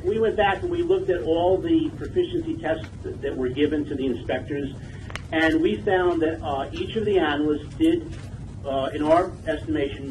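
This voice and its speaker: Man talking through a distant speakerphone. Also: a little high. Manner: measured, frequent hesitations. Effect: heard over a speakerphone. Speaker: forensic lab representative. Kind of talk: explaining at a meeting by phone. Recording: distant noisy speakerphone line.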